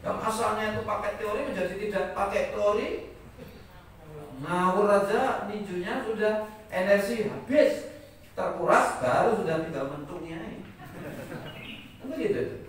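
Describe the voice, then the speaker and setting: Middle-aged Javanese-accented preacher, joking and animated, fairly high voice, far from the mic in a roomy, echoing hall. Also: male voice, a little slow, pauses often. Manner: lively, joking, laughs often, acts out quotes. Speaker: preacher and lecturer. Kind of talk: humorous sermon. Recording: echoey hall, distant mic, faint noise.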